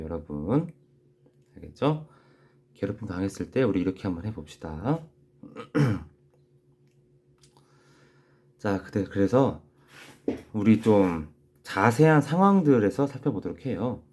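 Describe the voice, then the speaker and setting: A man teaching young children in a recorded class, gently repeating key phrases slowly so they can write them down. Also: fairly low pitch, breathy edge. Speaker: elementary school teacher.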